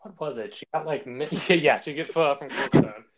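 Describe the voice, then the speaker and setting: A man's voice: a little high, normal speed, crowd noise, rough recording. Easygoing man in his forties, joking. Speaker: podcast co-host. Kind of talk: casual chat.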